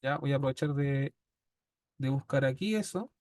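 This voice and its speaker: A man's voice: medium pitch, normal speed, a little mellow, no echo. Man, Chilean accent, statistics teacher, patient, checks in often, dry sound. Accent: Chilean Spanish. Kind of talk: classroom lecture. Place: classroom.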